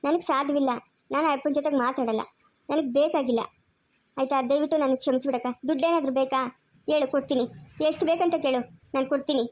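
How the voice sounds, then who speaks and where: A woman's voice: high voice, steady tone, fast, darkish tone, close to an everyday voice. An actress with a rural Chikkaballapur Kannada accent playing a bitter, defiant young mother who fires off accusing questions in an amateur family drama. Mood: refusing.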